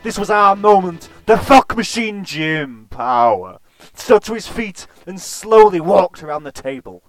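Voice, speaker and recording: Deadpan man narrating an absurd story. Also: high-pitched, unhurried, dry recording, soft background music. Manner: deadpan and crude.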